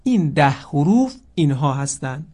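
Guy teaching tajwid, slightly high voice, reads out letters slow and careful, polite formal tone. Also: very animated, mellow. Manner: slow, deliberate, stresses each letter; formal, addresses listeners politely. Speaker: Quran recitation teacher. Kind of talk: tajwid lesson, reciting letter names.

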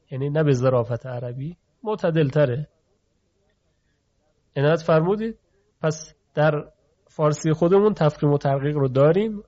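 A man's voice: on the high side, a little mellow. A man teaching pronunciation of letters in a lecture, stretching out key terms and asking rhetorical questions. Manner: explanatory, drawn-out emphasis on key terms, asks rhetorical questions. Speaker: teacher of Quran recitation phonetics. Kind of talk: classroom lecture. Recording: dull lo-fi recording.

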